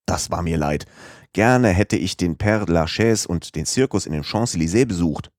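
A man voicing a talkative, excitable French manservant in an audiobook reading, his voice rising higher when he gets emphatic. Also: normal speed, dry recording, clean studio sound. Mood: chatty. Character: chatty, excitable French manservant, stubborn and proud. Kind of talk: audiobook character voice.

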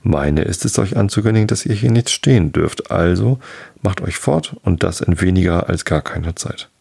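A man's voice: low-pitched, expressive, normal speed, vocal fry, a little mellow, husky, exaggerated voice. A man voicing the small, spiteful man in the moon in a folk tale, curt and stubbornly formal.

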